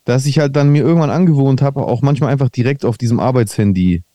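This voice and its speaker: A man's voice: mid-range voice, quick pace, warm tone, dry recording. A man chatting casually on a podcast, telling a meandering anecdote with lots of restarts. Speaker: podcast host.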